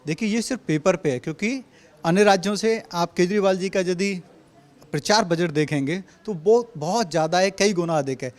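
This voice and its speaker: Assertive high-voiced man. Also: moderate pace, darkish tone. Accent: Delhi Hindi. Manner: assertive, repetitive rhetorical points. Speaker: party spokesperson. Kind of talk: political interview answers.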